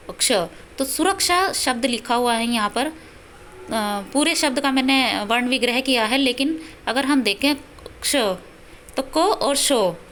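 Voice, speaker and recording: A woman giving a self-study language lesson, breaking words into their sounds with patient, deliberate explanation. Her voice sits a little high, and a faint hiss lies under the recording. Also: fairly bright tone. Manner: patient explaining, spelling out syllables. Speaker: Sanskrit teacher.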